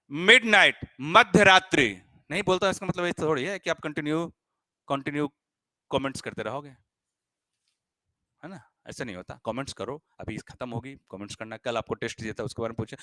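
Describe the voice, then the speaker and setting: A man teaching a live online class, animated and playful, now and then scolding students for their comments. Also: medium pitch, no room sound, clean studio sound.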